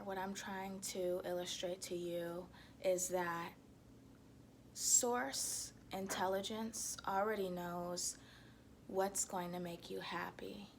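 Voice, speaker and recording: A woman giving a reflective self-help monologue to viewers, speaking in a deliberate, halting way with emphatic repetition. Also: on the low side, a little hiss or hum.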